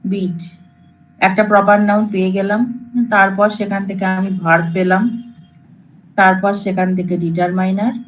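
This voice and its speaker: A woman's voice: mid-range voice, slight background noise, poor audio. A woman lecturer, explaining to students in a casual, coaxing classroom way. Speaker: computer science lecturer.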